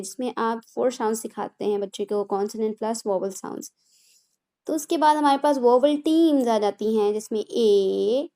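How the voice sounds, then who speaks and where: A woman walks through phonics teaching one step at a time, her voice mellow and a little higher than most. She mixes Hindi with English and keeps checking in with the listener. Now and then she stops to correct herself. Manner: mixes Hindi and English, explanatory, frequent "theek hai" check-ins; self-correcting with apologies. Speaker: phonics tutor.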